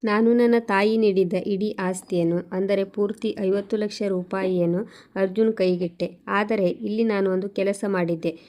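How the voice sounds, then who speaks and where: Woman storyteller, scripted first-person narration, steady and even, narrow pitch range. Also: normal speed.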